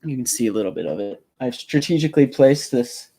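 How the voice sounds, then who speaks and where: A young man talks into a small desk mic in a room at home, hosting his own live stream. He tells a story in a nervous, rambling way, with lots of fillers and restarts. His voice sits at a middling pitch but swings widely up and down. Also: expressive, a little fast, mellow, breathy edge, no echo. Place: home room set up as a studio. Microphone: small desk microphone.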